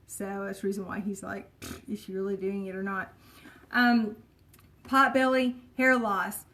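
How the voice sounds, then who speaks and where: A woman's voice: on the high side, fairly bright tone. A woman vlogger, chatting casually and rambling with many fillers and asides. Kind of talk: casual chat.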